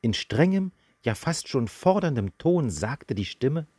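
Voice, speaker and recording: A man narrating a fairy-tale audio story in an expressive storybook manner. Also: medium pitch, unhurried.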